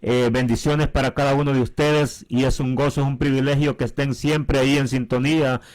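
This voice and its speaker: A man co-hosting a Bible teaching with his wife, speaking slowly and warmly addressing his listeners as brothers. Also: mid-range voice, steady tone. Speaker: pastor.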